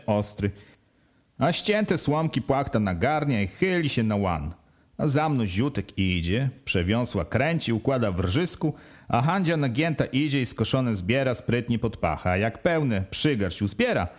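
A man reading an audiobook in the first person, with earnest, plain storytelling. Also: mid-range voice. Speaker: audiobook reader.

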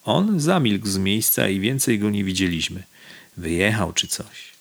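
A man's voice: on the low side, expressive, unhurried, vocal fry, full character voice. A man voicing a blunt, boastful, plain-spoken man who tells a bragging anecdote, in a spoken audiobook.

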